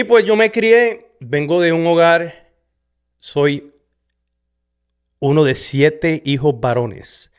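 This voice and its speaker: A middle-aged Puerto Rican podcast host with a medium-pitched voice shares his personal testimony in a casual, conversational way. He speaks Puerto Rican Spanish, often tags sentences with "¿verdad?" and slips in an English "so", recorded on a studio camera setup.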